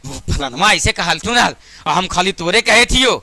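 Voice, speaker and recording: A man voicing a chatty, secretive village woman, passing on gossip in a hushed, confiding way. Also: high-pitched, animated, normal speed, no echo, pitched below the performer's own voice, exaggerated voice. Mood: gossipy.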